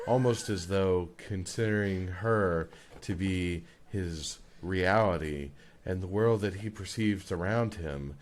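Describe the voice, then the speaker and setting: A man putting on the voice of a male nature documentary narrator, slow, low and solemn.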